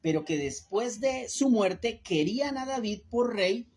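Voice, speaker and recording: A woman's voice: fairly high pitch, animated, measured pace, a little mellow, slightly rough. A woman giving an earnest Bible study sermon, speaking to her listeners as brothers and asking them rhetorical questions. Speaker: Bible teacher.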